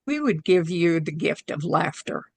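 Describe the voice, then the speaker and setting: An older woman voicing serene, benevolent ancestor grandmother spirits in measured, solemn pronouncements. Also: deep voice, very animated, vocal fry, breathy edge, no echo, heavily acted. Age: 60s or older. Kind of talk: channeled spiritual message.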